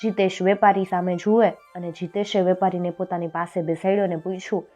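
A woman telling a traditional folk tale in an expressive storytelling voice, lifting her voice for the characters. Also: lowish voice, a little fast. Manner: expressive, raises voice for quoted characters. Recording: dull lo-fi sound with faint music.

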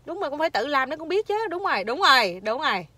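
A mother talks her toddler through snacks and groceries in a chatty, playful, coaxing way. Her voice sits a little high. Steady background noise runs under the home recording. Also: quick pace. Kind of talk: casual family vlog.

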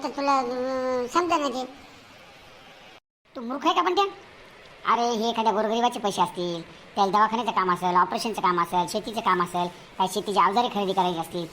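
A woman's voice: medium pitch, fairly bright tone, a little hiss or hum, close to an everyday voice, low-quality recording. A woman voicing a cheeky cartoon village boy who pleads and talks back to officials. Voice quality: cheeky, rapid, pleading "sahib".

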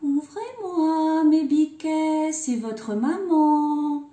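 A woman's voice: high-pitched, warm tone, voice pushed up. Woman doing a sly wolf faking sweetness. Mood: falsely sweet. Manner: slow, drawn-out, falsely sweet. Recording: echoey room.

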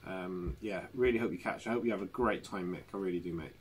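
A man's voice: deep voice, fast talker, slight background noise. A man hosting a casual live stream from home, chatty and laughing often as he talks to viewers. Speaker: channel host. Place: home living room.

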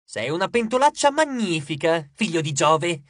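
A sly trickster dwarf who teases with a slow, smug drawl, voiced by a man narrating an audiobook. His lines ride a little above a plain speaking voice. The sound is close and dry. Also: fairly high pitch, very animated, fairly bright tone, no echo. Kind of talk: audiobook character voice.

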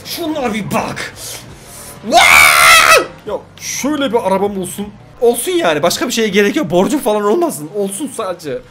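A man giving loud, joking commentary while playing mobile games. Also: high-pitched, big pitch swings, a little fast, few pauses, music in the background. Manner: loud, jokey, swearing, exclaiming at the game. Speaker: gaming youtuber. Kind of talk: let's play commentary.

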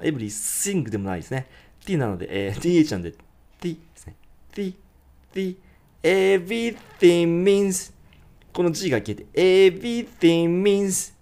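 Male English teacher, animated delivery; slow sung lyric lines, quick explanations. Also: medium pitch. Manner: breaks lyrics into slow drawn-out syllables, then explains quickly. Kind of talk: pronunciation lesson, singing lyric lines slowly.

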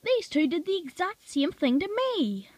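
A woman voicing a cheeky little male tank engine with a squeaky, high-pitched voice. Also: very animated, moderate pace, dry recording. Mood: surprised.

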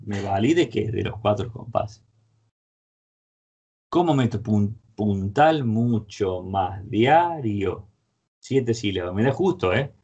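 A man's voice: lowish voice, lively intonation, slow pace, highs cut off, music in the background. A man giving an online songwriting lesson, explaining verse meter and singing short example lines. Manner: sings short melody lines between spoken explanations. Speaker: guitar and songwriting teacher. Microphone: video call.

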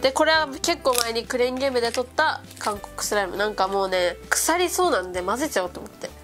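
Young woman vlogger, stuffy nose, chatty and excitable, slightly high voice, music underneath. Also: quick pace. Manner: chatty, excited, musing aloud as she plays with slime. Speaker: slime vlogger. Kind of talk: casual chat. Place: indoors at a table. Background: background music.

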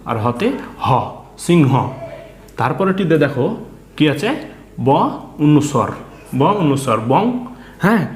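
Patient Bengali-accented teacher, echoey room. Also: male voice, a little high, animated, unhurried, long pauses. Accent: Bangladeshi Bengali. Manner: patient, spells out letters and asks questions. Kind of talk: children's reading lesson.

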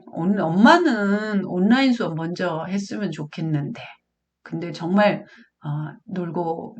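A woman giving a parenting lecture, talking earnestly and straight to her listeners, now and then acting out what parents and children say. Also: lowish voice. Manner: earnest, addresses audience directly, acts out parent and child quotes. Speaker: parenting educator.

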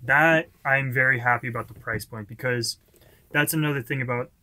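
A man's voice: medium pitch, bright, forceful tone, no echo. A young man hosting a reaction video, chatting casually and thinking aloud about what he just watched. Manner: chatty, reflective, drawn-out phrasing. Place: small indoor room with posters.

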